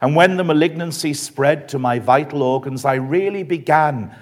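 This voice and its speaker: A man's voice: on the high side, normal speed, lightly acted. A man voicing a terminally ill young man in his twenties who speaks plainly and steadily. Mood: matter-of-fact. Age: 20s. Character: dying young man, calm and matter-of-fact.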